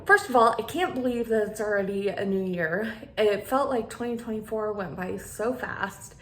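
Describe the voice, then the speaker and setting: A woman's voice: medium pitch, moderate pace. Echoey lisping woman vlogger. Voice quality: slight lisp from wearing a new retainer. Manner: friendly rambling chat addressed to viewers. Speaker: beauty vlogger and channel host. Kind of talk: casual chatty sit-down vlog. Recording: echoey room with clear background noise.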